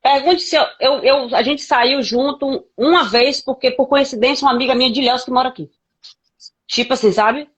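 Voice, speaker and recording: A woman from Brazil, a podcast guest telling her life story frankly in a halting way, with many restarts. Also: high-pitched, lo-fi sound. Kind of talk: candid conversational interview.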